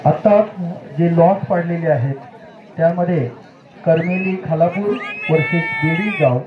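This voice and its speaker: A man making formal announcements at a kabaddi tournament, heard through an outdoor loudspeaker. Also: a little high, noisy background. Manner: formal, drawn-out calling of team names. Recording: echoey muffled loudspeaker with loud crowd.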